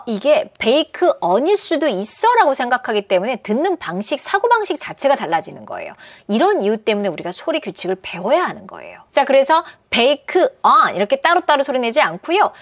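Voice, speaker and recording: A woman lecturing on English pronunciation, her fairly high voice rising and falling with animated emphasis. She slows down to model each word carefully. The recording is dry and close. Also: no echo. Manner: lively, emphatic, models English words slowly.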